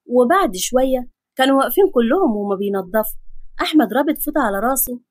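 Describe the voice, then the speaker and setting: A fast-talking Egyptian woman narrating a comic family story, her voice fairly high and brisk. The recording is close and dry, with no room sound. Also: expressive, husky, dry recording. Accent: Egyptian Arabic.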